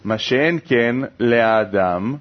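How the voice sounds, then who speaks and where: A man reading a text aloud in a study lesson, in a quick, steady recitation. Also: on the low side. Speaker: reader. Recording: dull lo-fi recording.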